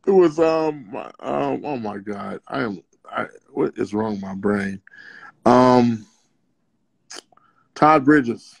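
A man who is a podcast guest, telling stories in casual chat and acting out quotes in high voices. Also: slow, creaky, long pauses.

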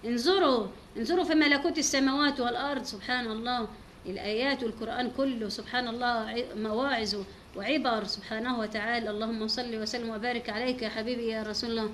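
A woman's voice: fairly high pitch, fairly even intonation, fast, a bit bright, slight background noise. An Egyptian woman giving an informal religious talk as a teacher, devout and full of pious exclamations.

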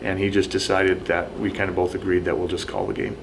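Low-voiced male football coach, noisy recording. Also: animated, fairly quick, gravelly. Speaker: high school football coach. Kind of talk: casual interview explanation. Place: small indoor office. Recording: noisy small-room camera recording.

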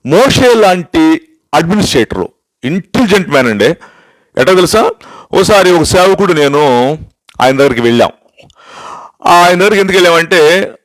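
An older male pastor speaks with a slightly high pitch. He tells stories in an emphatic sermon style and keeps asking his listeners rhetorical questions. He slips English phrases in to drive his points home, and the sound is dry and close with no room echo. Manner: storytelling with repeated rhetorical questions.

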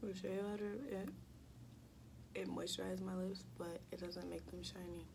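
Young woman, casual vlog chat, soft whispers, noisy phone recording. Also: fairly low pitch, level tone, normal speed, vocal fry. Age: young adult. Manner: chatty, slips into soft whispers. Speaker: vlogger. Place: small dorm room indoors.

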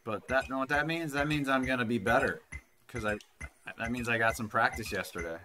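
A mid-range, slightly fast male voice, pushed and bright, belongs to a retro gaming channel host in his thirties. He rambles casually about the retro handheld game he's playing, swearing at times, on a desk mic at home.

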